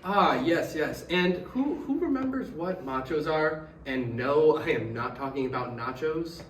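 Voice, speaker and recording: A man playing a ponderous physics professor quizzing students with deliberate, pompous delivery in an amateur comedy skit. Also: a little high, animated. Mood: ponderous, approving. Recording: echoey room, distant mic, faint noise.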